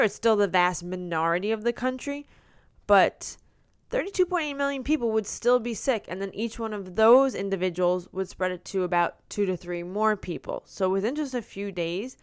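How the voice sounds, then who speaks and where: Wry woman with a smooth voice, podcast co-host. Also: medium pitch, dry recording, studio quality. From United States. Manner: wry, deadpan sarcasm, laughs often. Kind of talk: casual podcast chat.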